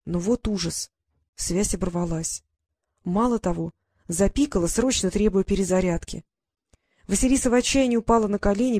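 Female audiobook narrator, mid-pitched, steady expressive reading, dry. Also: no echo.

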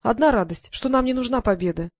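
A woman voicing a bossy, lively young fairy girl in an audiobook, with a brisk manner. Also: on the high side, dry recording, studio quality, voice pushed up.

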